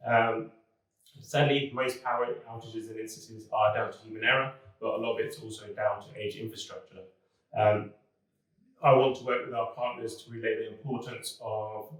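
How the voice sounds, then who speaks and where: A man, a business development manager, speaking in a relaxed, conversational way in a corporate talking-head video. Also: mid-range voice. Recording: very echoey room, mic far off.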